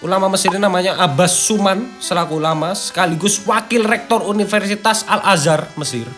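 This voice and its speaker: A man with an East Javanese accent hosts a casual, slangy video, his voice pitched high, fairly quick, and a little bright. He chats and partly reads out an article, sprinkling in interjections, while background music plays beneath his talk.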